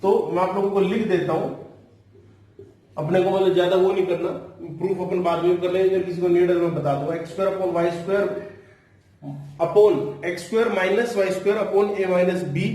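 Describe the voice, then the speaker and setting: एक पुरुष शिक्षक, ऊँची आवाज़ में, कक्षा को गणित के फ़ॉर्मूले समझाते हुए, हर कदम दोहराते हुए। आवाज़ बहुत गूंजती है और माइक से दूर लगती है।. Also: male voice, high-pitched, fairly even intonation, dark tone. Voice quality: explains step by step, repeats key phrases, slows down to dictate formulas. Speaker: math teacher. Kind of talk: classroom math lecture. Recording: very echoey room, voice from a distance.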